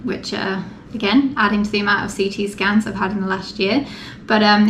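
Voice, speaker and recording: A woman's voice: medium pitch, a bit bright. Woman vlogging casually in an echoey room. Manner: matter-of-fact, informal. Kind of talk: casual explanatory vlog to camera. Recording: echoey room with faint background noise.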